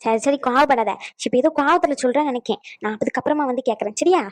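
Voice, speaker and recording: A woman's voice: high-pitched, quick pace, no room sound, close to an everyday voice. A woman voicing a fussy, meddling but kind elderly grandmother in a cartoon, nagging and chatty. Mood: soothing. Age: older. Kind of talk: cartoon voice acting.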